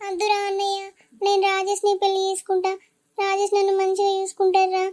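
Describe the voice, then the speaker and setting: A woman voicing a timid teenage village girl in a cartoon, speaking softly. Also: extremely high pitch, monotone, fast.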